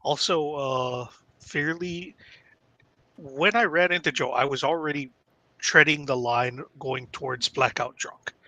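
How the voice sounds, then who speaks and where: A man's voice: mid-range voice, fairly even intonation, unhurried, sharp tone, dry recording. A man co-hosting a podcast, telling stories in a casual, self-deprecating way. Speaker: podcast co-host. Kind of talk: casual chat.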